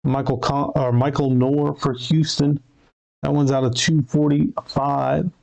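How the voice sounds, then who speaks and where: A man with a gravelly, creaky voice at middle pitch, hosting a card break. He calls out each player and serial number as he opens packs, and corrects himself when he misreads one. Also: little pitch movement, a little slow, darkish tone, low-quality recording. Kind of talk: live card break commentary.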